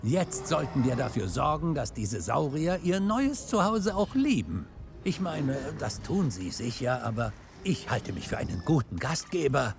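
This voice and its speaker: An actor playing a genial, joking park guide in a video game, with a jaunty, self-deprecating manner. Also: male voice, mid-range voice, sing-song, a little slow, gravelly, over music. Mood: wry. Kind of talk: scripted video game character dialogue.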